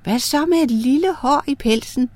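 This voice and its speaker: A woman's voice: high-pitched, darkish tone, no echo, voice pushed up, close to an everyday voice. A woman voicing a helpful magical reindeer who patiently suggests one hiding place after another in a folk tale. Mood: suggesting. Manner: patient, offering ideas.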